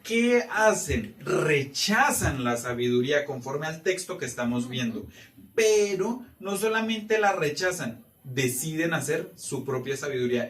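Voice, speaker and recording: A man's voice: medium pitch, fairly bright tone. Man teaching a Bible class, roomy and distant. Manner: asks the room for agreement often. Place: church meeting room.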